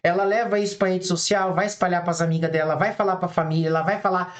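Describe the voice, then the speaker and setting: A man's voice: high voice, fairly even intonation, quick pace. A man teaching eyebrow designers in a casual online class, chatty, blunt and familiar with his listeners, often acting out conversations with clients. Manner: chatty, acts out client dialogues in quoted voices.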